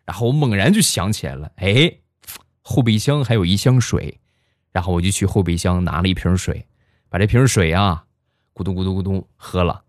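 A young man hosting a show, telling funny stories in a lively, chuckling manner. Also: deep voice, a little fast, dry recording, clean studio sound. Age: young adult. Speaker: host. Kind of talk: comedic storytelling monologue.

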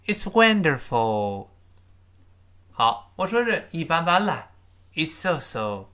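A teacher giving a spoken English lesson, explaining in Chinese and repeating each phrase slowly for learners to copy. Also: mid-range voice, fairly bright tone. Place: lives abroad, teaching remotely.

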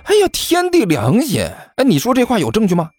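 A man's voice: sits high, huge pitch swings, a little fast, faint music behind, pitched above the performer's own voice, heavily acted. A man voicing a chubby, cheeky schoolboy who talks in a glib, mock-innocent singsong. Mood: teasing.

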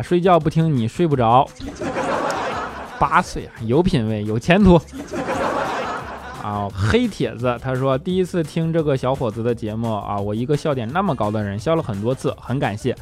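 A male show host reading listener comments aloud and teasing them with jokes, laughing often in a playful manner. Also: on the high side. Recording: music bed under the voice.

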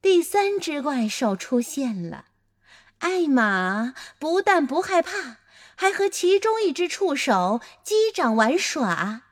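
Animated woman reading a children's story. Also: high-pitched, takes it slowly. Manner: animated, playful.

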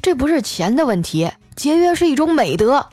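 A woman's voice: high-pitched, sing-song, normal speed, darkish tone, a little hiss or hum, pitched above the performer's own voice. A woman reading out the lines of her strict, stern father in a comic story.

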